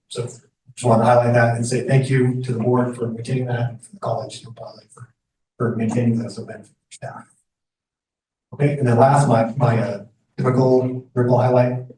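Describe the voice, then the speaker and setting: Even-toned man in an echoey meeting room. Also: mid-range voice. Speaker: college staff representative giving a report. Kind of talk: informal meeting report. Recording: echoey meeting room, distant mic, background noise.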